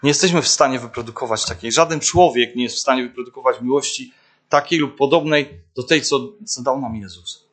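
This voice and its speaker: A man's voice: mid-range voice, fairly quick, a bit bright, husky. A young man giving an informal sermon, searching for words with many fillers and restarts, often turning to the listeners. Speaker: preacher.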